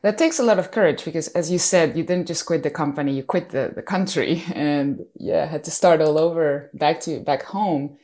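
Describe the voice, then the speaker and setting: Female podcast host, slightly low pitch, bright enthusiastic interviewer. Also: normal speed, few pauses. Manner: energetic, enthusiastic. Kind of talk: interview hosting.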